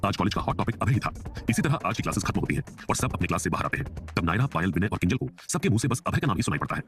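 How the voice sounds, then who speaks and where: A man narrating an audio drama story in a fast, animated storytelling manner. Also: low voice, soft background music.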